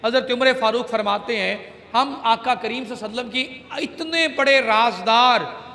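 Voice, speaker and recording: Man, preacher, sermon, sharp bright tone, gravelly edge, reverberant hall. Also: extremely high pitch, normal speed. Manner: emotive, exclaiming, laughing often. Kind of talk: sermon storytelling.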